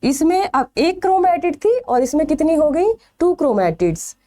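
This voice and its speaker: Woman, biology teacher, lively high voice with a mellow tone, quizzes the class and answers herself. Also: moderate pace. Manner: asks questions then answers them herself, stretching key terms. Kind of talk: exam-prep lecture.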